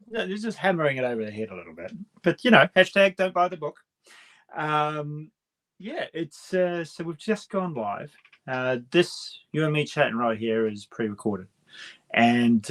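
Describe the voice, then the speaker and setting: A man with a medium-pitched voice. He hosts a casual, conversational chat as a writer talking about his work. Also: fairly bright tone. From New Zealand. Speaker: comic writer hosting a launch chat.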